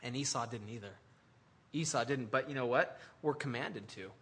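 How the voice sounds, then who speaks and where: Bright, forceful male preacher. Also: mid-range voice, normal speed, husky. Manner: animated, conversational preaching with restarts and asides. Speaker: pastor. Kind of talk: sermon.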